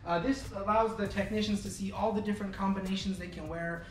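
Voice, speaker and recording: A man in his thirties giving a relaxed walking tour of his company's warehouse and offices, with frequent fillers. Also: high voice, fast, recorded from a distance. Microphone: camera following him, mic at a distance. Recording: echoey rooms, voice a bit off-mic, soft music underneath.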